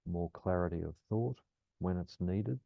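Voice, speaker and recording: A man guiding a calm grounding meditation, speaking gently and soothingly as a teacher. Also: deep voice, a little slow, gravelly. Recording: roomy, slightly dull lo-fi sound.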